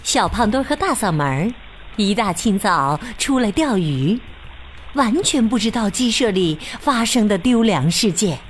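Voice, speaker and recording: Lady reading a kids story, really lively up and down voice, soft music behind. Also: medium pitch, measured pace. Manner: expressive, animated reading. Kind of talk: children's storybook narration.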